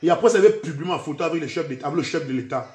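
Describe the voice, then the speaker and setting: Cameroonian man, Camfranglais-laced French, high voice, menacing social-media rant in a roomy echo. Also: expressive, very fast, darkish tone. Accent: Cameroonian French, mixing in Camfranglais. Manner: threatening, heated, keeps repeating "man" and "vrai".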